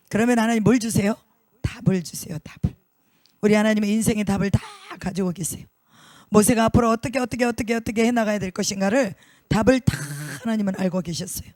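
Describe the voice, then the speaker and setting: Pastor, male, fairly high voice, dry close sound, emphatic sermon delivery with repeated words and rhetorical questions. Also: a little mellow, dry recording. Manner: repeats key words for stress.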